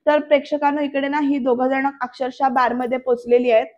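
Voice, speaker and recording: A woman's voice: high voice, flat delivery, dull audio. A woman narrating a voice-over recap of a TV serial episode, retelling scenes and speaking straight to her viewers. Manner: retells scenes briskly, addresses viewers directly. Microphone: voice-over recorded separately.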